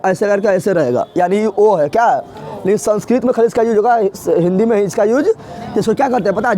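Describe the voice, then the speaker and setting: High-voiced tutor drilling questions. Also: male voice, dark tone. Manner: drilling, asks and answers his own questions. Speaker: teacher. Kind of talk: exam-prep grammar lesson.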